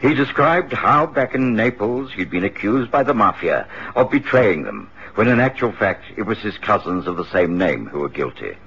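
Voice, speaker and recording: An actor playing Dr. Watson, a doctor and loyal companion, who narrates the story in the style of a radio drama. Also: male voice, on the low side, big pitch swings, moderate pace, creaky, few pauses, a bit bright, breathy edge, exaggerated voice. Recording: muffled radio drama recording.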